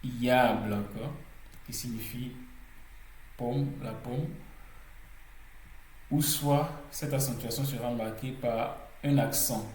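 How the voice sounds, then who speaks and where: A man's voice: mid-range voice, fairly even intonation, slow, long pauses, darkish tone, roomy sound, slight background noise, low-quality recording. A man teaching a language lesson in French, explaining pronunciation rules step by step with frequent hesitations, repeating words to drill them.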